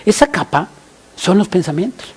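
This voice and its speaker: A man from Mexico preaching a sermon as pastor, halting often with fillers and restarts, and crying out prayers loudly. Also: high-pitched, big pitch swings, breathy edge.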